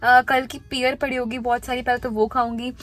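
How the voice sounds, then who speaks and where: A woman's voice: fairly high pitch, little pitch movement, fairly quick. A young woman from India chatting through her daily vlog at home, slipping English phrases into her talk. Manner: softly whispered, quiet talk. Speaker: vlogger. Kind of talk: casual daily vlog chat.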